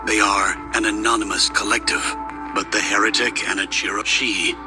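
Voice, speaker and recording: A man's voice: on the low side, level tone, normal speed, over music. An actor playing a stern, cold government enforcer in a game, his voice run through a robotic, metallic filter, speaking in a formal, commanding way. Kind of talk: game cutscene voice acting.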